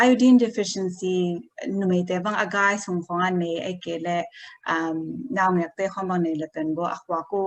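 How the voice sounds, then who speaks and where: A woman with a fairly low voice gives an informal health talk, explaining things slowly and hesitantly while dropping in English medical terms.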